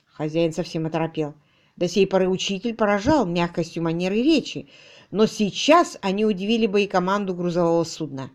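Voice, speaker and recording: A woman narrating an audiobook with lively, expressive storytelling. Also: on the low side, fairly quick.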